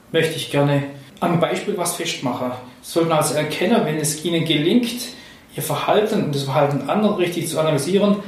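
A man hosting a podcast, explaining and asking questions like a leadership trainer. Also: a little high. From Swabia, Germany. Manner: explanatory, asks questions, coaching tone. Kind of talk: conversational podcast talk. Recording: very echoey room, distant mic.

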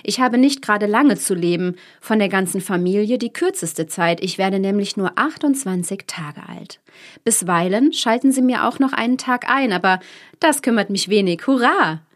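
A woman's voice: medium pitch, expressive, normal speed, natural voice. Woman voicing a boisterous carnival prince. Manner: boisterous, cheeky. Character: merry male carnival prince February.

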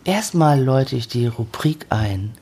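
A woman's voice: rumbling low, expressive, unhurried, mellow, slightly rough. A woman co-hosting a podcast at home, chatting casually in a dry, teasing way into a close microphone. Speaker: podcast co-host. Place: at home on a sofa. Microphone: studio microphone up close.

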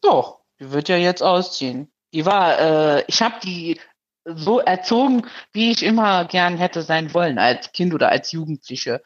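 A woman's voice: on the low side, highs cut off. A woman in her fifties calling in, telling a personal story in casual chat with many hesitations. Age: 50s. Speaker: caller.

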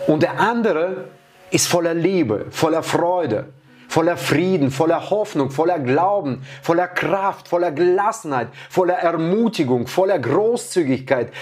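A man telling of a wise father at the campfire. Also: on the high side. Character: wise father telling his son a parable.

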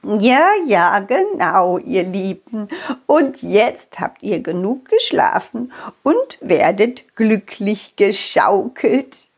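A woman voicing a kindly, forgetful old female fairy who speaks gently and soothingly. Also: mid-range voice, expressive, takes it slowly, breathy edge, voice pushed down, heavily acted. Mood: gentle.

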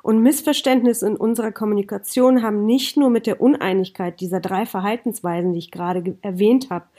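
A woman's voice: medium pitch, brisk, mellow. A woman hosting a podcast, explaining points in lists and speaking directly to her listener. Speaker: podcast host. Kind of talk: informal podcast lecture.

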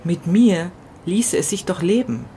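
A woman's voice: fairly low pitch, animated, mellow, a little hiss or hum. A woman reading a tormented grieving widower. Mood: grieving, desperate. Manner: halting, repeating words, swinging between whispers and outbursts. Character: grief-stricken man, widower pawnbroker, tormented and brooding. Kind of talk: literary reading of a first-person novella. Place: city balcony, outdoors.

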